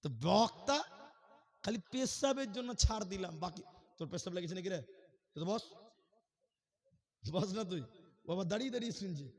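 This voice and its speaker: A man from Assam preaching at a religious gathering, joking with the crowd and then swelling into loud, drawn-out chanting. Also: high-pitched, lively intonation. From Assam, India. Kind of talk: sermon with jokes and chanted verses. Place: outdoor gathering stage.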